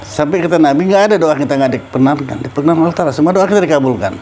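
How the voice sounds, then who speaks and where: A man's voice: a little high, lively intonation, rapid-fire, a little mellow. Middle-aged man, religious teacher, casual study circle, asks listeners questions, faint background noise.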